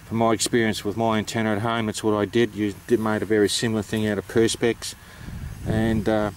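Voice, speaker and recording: A man's voice: lowish voice, level tone, a little fast, slight background noise. A man with an Australian accent giving an informal, matter-of-fact explanation, hesitant and unscripted as he goes. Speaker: amateur radio operator presenting.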